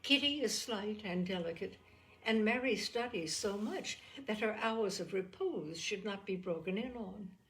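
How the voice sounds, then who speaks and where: In a storybook reading, a woman voices a young sister who is gentle, anxious and forgiving, delivering the part earnestly and at a measured pace. Her pitch is medium, and the audio quality is poor.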